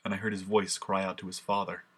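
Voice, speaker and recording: A man's voice: low-pitched, completely flat delivery, quick pace, fairly bright tone, breathy edge. A man playing Simon Peter, grieving apostle. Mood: sorrowful. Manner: solemn, impassioned recitation. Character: grieving apostle, adult man, remorseful and ashamed. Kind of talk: dramatic first-person monologue.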